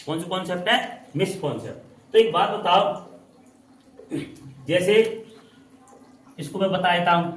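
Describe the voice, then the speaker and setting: A man teaching English pronunciation in a classroom style, repeating and drawing out words as he explains. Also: high voice. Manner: repetitive, drawn-out spelling out of words. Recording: echoey room from far off.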